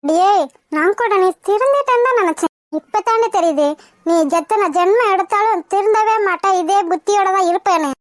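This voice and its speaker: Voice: extremely high pitch, a little fast, no echo, studio quality. A fierce cartoon mother-in-law. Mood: angry. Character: fierce protective middle-aged mother-in-law. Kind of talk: cartoon voice acting.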